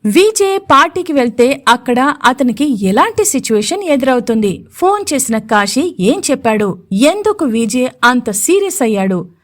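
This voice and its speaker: Woman, romance audio story narrator, expressive reading, lively intonation, fairly high voice. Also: moderate pace.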